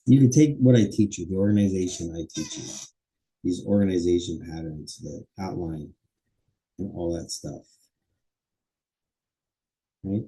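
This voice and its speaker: A man teaching a college public speaking class, lecturing casually and acting out quick everyday dialogue as examples. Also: deep voice, dark tone, poor audio. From Los Angeles area. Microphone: webcam or computer mic while presenting slides.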